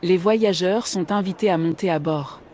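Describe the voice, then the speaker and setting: A woman's voice: lowish voice, darkish tone, a little hiss or hum. Woman announcing over a PA system. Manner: formal, measured announcing. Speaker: train station announcer. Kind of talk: scripted public announcement.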